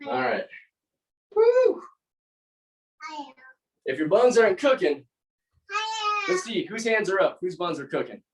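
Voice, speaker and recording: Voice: mid-range voice, sing-song, moderate pace. An aerobics instructor leading a group workout, giving short encouraging commands and counting out repetitions. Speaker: aerobics and fitness class instructor. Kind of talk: live group workout coaching with counted reps. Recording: roomy echo, distant mic.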